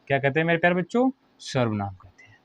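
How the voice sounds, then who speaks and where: A man teaching a grammar lesson to children, who asks a question and then answers it himself, and slows right down to dictate definitions. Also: medium pitch, sing-song.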